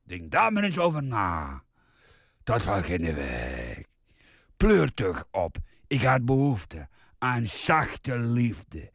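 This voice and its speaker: Man as a sick, whiny comic grump, coughing, croaky, slow. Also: mid-range voice, wildly swooping pitch, a bit bright, dry recording, clean studio sound, full character voice. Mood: sulky. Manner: slow, sulky, crude comic monologue. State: coughing, worn out with flu. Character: sick, grumpy, self-pitying man named Martin. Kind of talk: comic radio sketch.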